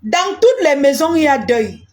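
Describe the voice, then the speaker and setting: Defiant high-voiced woman. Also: sing-song, normal speed. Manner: defiant, boastful, repetitive, swings loud. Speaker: live-stream participant. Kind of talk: live-stream rant.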